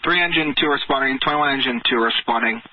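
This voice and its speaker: A man's voice: medium pitch, quick pace, dry recording. A man working as a fire dispatcher, making formal, clipped announcements and procedural read-backs over two-way radio. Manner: clipped, procedural, repeats back messages. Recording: tinny radio channel, faint noise, clicks.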